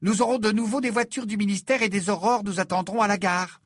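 Man playing a bossy witch mother, high and loud, brisk, husky. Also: fairly even intonation, no echo, studio quality. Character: bustling motherly middle-aged witch.

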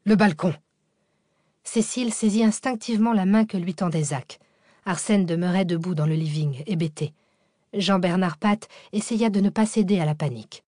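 A woman narrating an audiobook in an even, dramatic storytelling manner, on a close studio mic. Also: on the low side, normal speed, no echo. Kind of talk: scripted narration.

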